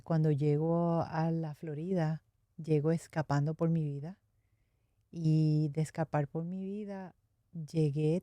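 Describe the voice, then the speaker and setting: A middle-aged Puerto Rican woman speaks with a low, mellow voice and a Puerto Rican accent. She recounts her past candidly and reflectively, with a light laugh now and then. The sound is dry and close. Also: no room sound. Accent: Puerto Rican Spanish. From Puerto Rico. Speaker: interview guest. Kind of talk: personal testimony in conversation.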